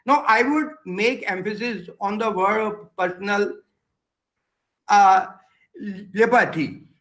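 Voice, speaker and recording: A man with an Indian English accent giving a formal webinar lecture as a guest advocate. He talks in a slow, repetitive lecturing way, circling back to key words, over a video call. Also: sits high, bright, forceful tone, poor audio. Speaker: guest speaker, senior advocate.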